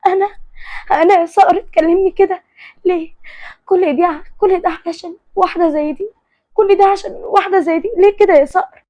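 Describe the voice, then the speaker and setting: A woman voicing a spoiled, hot-tempered young woman with an Egyptian accent and a sharp tongue. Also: high-pitched, rapid-fire, hardly any pauses, no echo, voice pushed up, lightly acted. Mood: tearful. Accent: Egyptian Arabic. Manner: sharp, insulting, then tearful.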